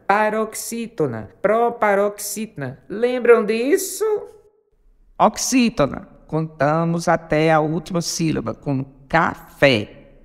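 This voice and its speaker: A woman hosting a podcast, giving a patient, deliberate spoken lesson on poetry and counting syllables aloud. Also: medium pitch, long reverb tail. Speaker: podcast host teaching poetry.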